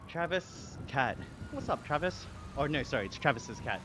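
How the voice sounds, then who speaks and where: Game sounds and traffic hum behind a young Australian man who chats casually while riding an exercise bike on a livestream. His voice leans high and expressive at a moderate pace, and he reads viewer comments, laughs frequently and gives warm thanks.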